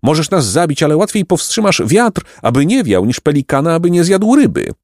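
Wailing greedy storybook pelicans, high and whiny, a man voicing them. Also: sing-song, normal speed, darkish tone, no room sound, clean studio sound. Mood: lamenting. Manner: whining, theatrical lamenting.

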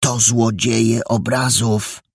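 A man voicing an excitable, bossy young girl detective in a storybook, with emphatic, impatient delivery. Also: mid-range voice, slow, breathy edge, no room sound, clean studio sound, pitched above the performer's own voice. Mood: excited, bossy. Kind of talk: audiobook character voice.

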